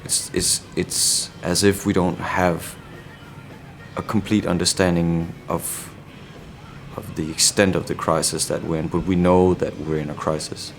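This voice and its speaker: Soft music plays behind this Danish-accented man as he answers interview questions about his band, thoughtfully and with frequent pauses to find words. His voice sits low and creaky, with little movement in pitch.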